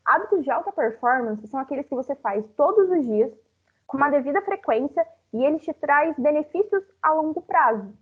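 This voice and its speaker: Her voice sits high, animated and a little fast: a young Brazilian woman in her twenties speaking live and talking straight to her audience. The audio sounds narrow, as if from a phone.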